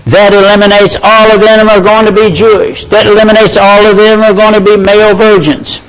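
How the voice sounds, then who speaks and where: Male preacher with a high voice, measured sermon delivery, reads scripture aloud and calls his listeners brethren and friends. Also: flat delivery, clean tone, low-quality recording.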